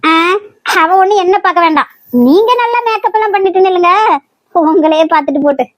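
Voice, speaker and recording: Brief: curt Kanyakumari daughter in a cartoon, played by a woman, high-pitched and defiant. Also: brisk, no room sound. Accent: Kanyakumari Tamil. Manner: curt, stubborn. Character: headstrong young working woman, daughter. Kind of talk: cartoon voice acting.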